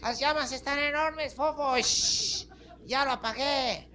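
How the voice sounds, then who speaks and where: A man voicing an eager little boy of about four who plays firefighter, in a Mexican Spanish accent, shrill and excited as he gives orders. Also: takes it slowly, very noisy.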